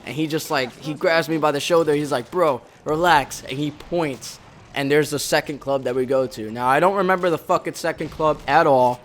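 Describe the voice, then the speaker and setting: A man's voice: a little high, brisk, a little hiss or hum. Rambling, foul-mouthed young man from the Bronx. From the Bronx, New York. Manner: rambling, heavy swearing, frequent self-corrections. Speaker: former Marine storyteller. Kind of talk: casual profane storytelling over gameplay.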